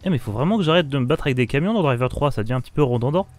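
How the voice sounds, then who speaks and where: A man's voice: mid-range voice, expressive, rapid-fire, loud music behind the voice. A young man playing a video game and joking through it, self-mocking and silly as he narrates his own mishaps. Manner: goofy, self-mocking, jokes and silly voices. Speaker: gaming video host. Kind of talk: comedic let's play commentary.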